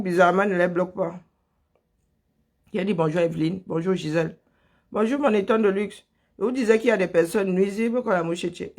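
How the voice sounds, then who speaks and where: Live stream host, man from Cameroon, high-pitched, sarcastic, laughs a lot. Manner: greets viewers by name between political rants. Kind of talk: casual live stream commentary.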